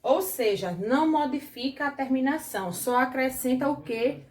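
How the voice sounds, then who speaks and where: Teaching children grammar in an online lesson, this Brazilian Portuguese primary school teacher speaks in a high-pitched, darkish voice that sounds roomy. She is patient and explains slowly, step by step, frequently asking "certo?" to check in with the class.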